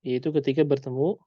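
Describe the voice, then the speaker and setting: A man teaching Quran recitation in an online lesson, patiently repeating example sounds slowly. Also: on the high side, dry recording, dull audio.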